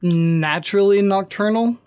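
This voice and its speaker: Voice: medium pitch, measured pace, darkish tone, clear, resonant tone. Chatty host reading monster lore. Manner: chatty, reads passages aloud with fillers. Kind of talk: casual chat.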